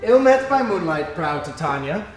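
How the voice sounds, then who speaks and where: A man's voice: fairly high pitch, sing-song, normal speed, soft background music. A man playing an imperious, jealous fairy king in hammy, declamatory Shakespearean stage verse. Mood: commanding. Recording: echoey hall, distant, faint noise.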